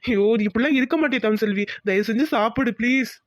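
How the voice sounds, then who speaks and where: A man's voice: extremely high pitch, fast talker, no room sound, clean studio sound. A man voicing several male characters in a Tamil cartoon story, pleading and emotional.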